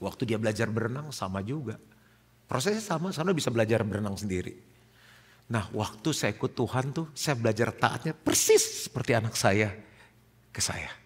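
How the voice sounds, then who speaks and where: A man in his forties with an Indonesian accent preaches to his congregation, telling stories with lively acted-out dialogue and then dropping to quiet, emphatic points. His voice sits at a middle pitch and carries a long reverb from a large church hall. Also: moderate pace, husky. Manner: animated storytelling, acting out dialogue, dropping to soft emphasis. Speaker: pastor. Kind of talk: sermon.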